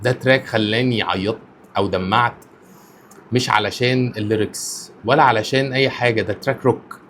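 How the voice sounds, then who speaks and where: A man with an Egyptian accent giving casual, excitable reaction commentary on a rap album and swearing oaths often. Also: medium pitch, fairly quick, a little hiss or hum. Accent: Egyptian Arabic. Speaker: rap reviewer, content creator.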